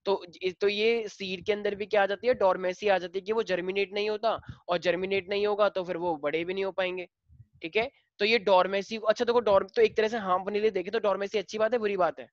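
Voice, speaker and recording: A male teacher with an Indian accent explaining biology to a class, switching between Hindi and slowly dictated English lines. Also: high-pitched, fairly even intonation, no echo, highs cut off.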